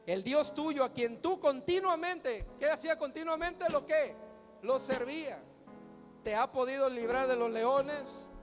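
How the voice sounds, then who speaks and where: A pastor with a very high voice preaches a little slowly in a large church hall, emphatic as he throws out rhetorical questions and calls on the crowd to answer. The recording has long hall reverb with faint music.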